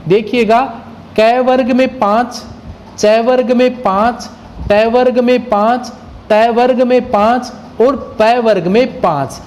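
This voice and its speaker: Male grammar teacher, unhurried lecture delivery, quizzes the class and then answers himself. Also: extremely high pitch, steady tone, darkish tone. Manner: asks questions and answers them himself; sounds out letters one by one. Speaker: Sanskrit teacher.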